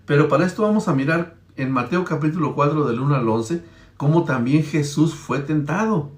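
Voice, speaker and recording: A man's voice: on the high side, moderate pace, echoey room. A man preaching, retelling Bible stories in a conversational, storytelling way and checking in with his listeners. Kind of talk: Bible-teaching sermon.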